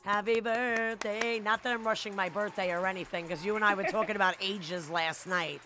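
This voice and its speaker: A woman hosting a live talk show, effusive and chatty, full of shout-outs. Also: medium pitch, steady tone, normal speed, background noise. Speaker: radio show host.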